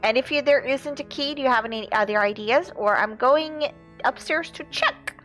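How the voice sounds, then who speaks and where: A woman livestreamer giving casual, expressive game commentary and swearing freely. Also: sits high, moderate pace, low-quality recording. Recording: game music behind the voice.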